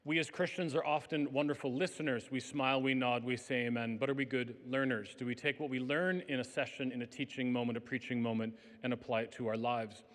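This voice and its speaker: A man with a middle-pitched voice, tired and slightly worn from days of speaking, works through numbered points in an earnest, conversational way. His words ring out with a long reverb through a large hall. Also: fairly even intonation, a little fast, hardly any pauses. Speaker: conference speaker. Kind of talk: faith-based talk to educators.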